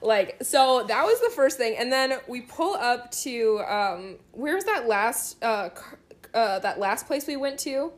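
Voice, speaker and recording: A woman's voice: a little high, unhurried. A young adult woman co-hosting a podcast, telling a story in casual chat and acting out the voices of the people in it. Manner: animated, acts out voices in stories. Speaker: podcast co-host.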